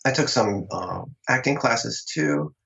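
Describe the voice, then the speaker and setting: Speaking slowly with vocal fry, this interview guest has a medium-pitched, slightly bright voice. He's a middle-aged Long Island actor recounting his early acting days in a relaxed, talkative way, laughing a lot, over dull, lo-fi audio.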